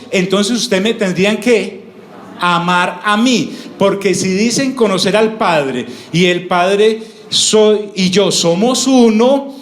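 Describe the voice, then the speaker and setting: A male pastor, his voice fairly high, preaches a sermon. He often puts questions to the congregation and answers them himself. The room is echoey, and there is faint background noise. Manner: teaching with call-and-response questions.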